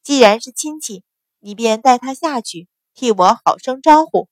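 A woman's voice: fairly high pitch, expressive, normal speed, dry recording, close to an everyday voice. A woman voicing a composed young noblewoman who speaks coldly and with authority. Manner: cold, composed. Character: cool, commanding young noblewoman.

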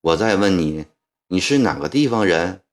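A male storyteller voicing a stern elderly Qing viceroy who questions people in a measured, low, gentle way. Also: lively intonation. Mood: grave, coaxing.

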